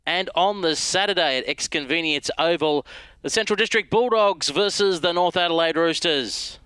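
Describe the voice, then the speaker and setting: Bright, clear-voiced radio sports host. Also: male voice, fairly high pitch, dry recording. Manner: brisk, reads fixtures and results.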